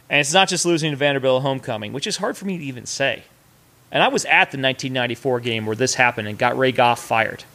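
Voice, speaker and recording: A man's voice: a little high, bright, forceful tone. Sarcastic, swearing man ranting. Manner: sarcastic, profane, fast rants. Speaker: host of a sports fan podcast. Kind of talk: casual ranting commentary while cooking.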